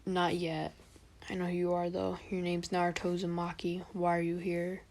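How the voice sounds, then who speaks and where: A woman's voice: on the low side, completely flat delivery, moderate pace, a little mellow, close to an everyday voice. A woman voicing an aloof mysterious spirit mentor. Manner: curt, dismissive.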